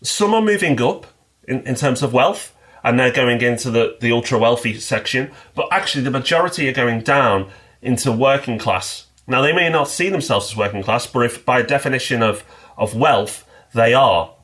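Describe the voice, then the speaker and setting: Male co-host, measured explainer, mid-range pitch, conversational podcast delivery. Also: lively intonation, fairly bright tone. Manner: measured, explanatory, with small restarts. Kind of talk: casual podcast discussion.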